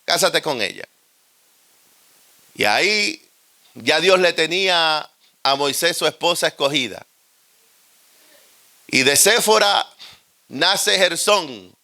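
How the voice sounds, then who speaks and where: A man with a Puerto Rican accent preaching a humorous storytelling sermon, animated and joking. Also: on the high side, slow, long pauses.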